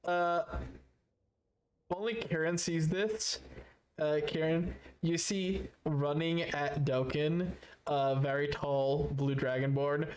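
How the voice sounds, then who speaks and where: A man narrating a tabletop game as game master in a voice pitched a little high. His narration is loose and casual, with laughs and the odd curse. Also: steady tone, takes it slowly, slight background noise.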